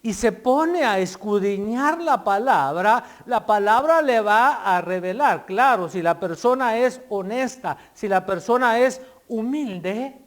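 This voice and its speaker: A man pastor preaching a sermon, explaining his word choices and swinging between loud emphatic phrases and soft asides. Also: high-pitched, animated, takes it slowly, hardly any pauses.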